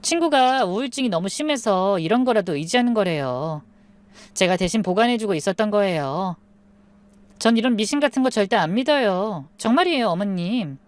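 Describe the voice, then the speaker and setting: A woman's voice: lively intonation, normal speed, dry recording, natural voice. A woman voicing a young daughter-in-law who pleads and sobs defensively. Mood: pleading. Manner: pleading, rising to shrill sobbing.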